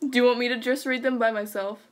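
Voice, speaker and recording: A woman's voice: on the high side, quick pace, a little hiss or hum. Giggly, bubbly woman chatting. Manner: bubbly and giggly, bursts into excited squeals. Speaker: channel host. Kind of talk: casual chat and reading a scary story aloud.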